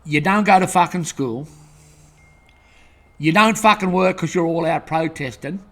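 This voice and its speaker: A man's voice: on the high side, a little slow, bright, forceful tone. An Australian man hosting his own show, ranting angrily and rambling, swearing constantly. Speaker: host. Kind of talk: profane rant to camera.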